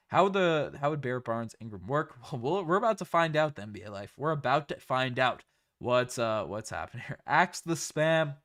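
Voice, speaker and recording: A man's voice: mid-range voice, fairly bright tone. A man from Canada with a light Newfoundland accent, hosting a casual sports livestream and often repeating phrases for emphasis.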